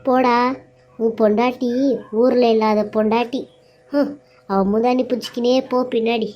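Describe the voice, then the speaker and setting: A woman's voice: little pitch movement, moderate pace, dull audio, soft background music, close to an everyday voice. A woman voicing a scheming, cruel middle-aged mother-in-law in a cartoon serial, scolding and wailing dramatically. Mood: taunting. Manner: scolding, dramatic wailing, low plotting asides.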